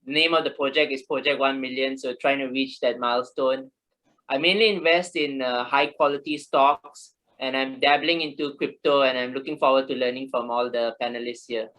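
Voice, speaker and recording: A man's voice: medium pitch, steady tone, moderate pace, pushed and bright, rough recording. A man introducing himself on a video call with earphones, cheerful and easygoing. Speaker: regular panel guest. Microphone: earphone headset on video call.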